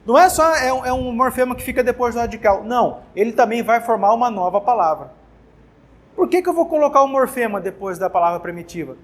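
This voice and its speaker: Speaking quickly and expressively in a very high voice, a man with a Brazilian Portuguese accent teaches exam-prep grammar. The setting is a classroom with a whiteboard, where his casual style includes frequent word restarts and check-ins with the class.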